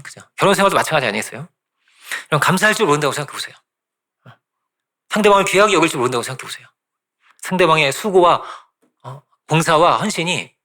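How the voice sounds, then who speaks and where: Quick, bright-voiced male pastor preaching. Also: on the high side. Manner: conversational preaching, keeps asking the congregation "right?"; lively, quick, repeats phrases for emphasis. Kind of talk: sermon.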